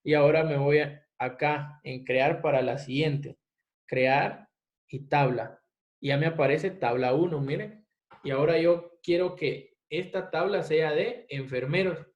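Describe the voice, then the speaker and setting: A man teaching a step-by-step software tutorial, often asking his class rhetorical questions. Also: fairly high pitch. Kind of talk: screen-recorded software tutorial. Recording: echoey room, dull lo-fi mic.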